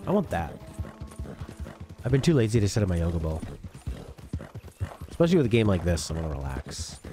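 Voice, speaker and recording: A man's voice: deep voice, huge pitch swings, fairly quick, over music. A man chatting casually while streaming a game, rambling and joking between plays. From outside the UK. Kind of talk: casual gameplay commentary.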